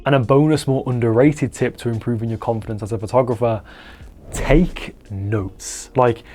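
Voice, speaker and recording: A man's voice: fairly even intonation, normal speed, darkish tone, soft background music. Young man rambling casual photo advice. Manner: rambling, full of "like" and restarts; acts out quoted voices with pitch jumps. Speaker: portrait photographer giving advice. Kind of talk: casual advice talk to camera.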